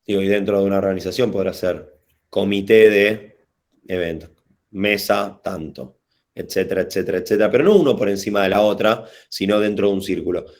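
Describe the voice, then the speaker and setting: A man with a Rioplatense Spanish accent runs a workshop over a video call, his voice sitting fairly low. He talks in a loose, slangy, wandering way, often restarting a phrase before he finds the right words. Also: a little fast, a little mellow. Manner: casual, digressive, slangy, hesitant restarts. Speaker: workshop facilitator. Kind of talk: informal online workshop talk.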